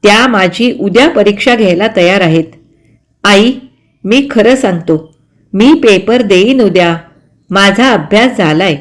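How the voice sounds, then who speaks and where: A woman voicing a calm, earnest young schoolboy, the eldest son, who is apologetic. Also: medium pitch, measured pace, close to an everyday voice.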